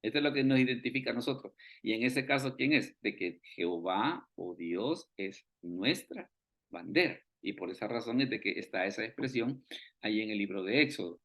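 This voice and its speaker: A man's voice: fairly low pitch, moderate pace, fairly bright tone. A man teaching an online Bible study over a video call, who keeps asking rhetorical questions and repeating his phrases.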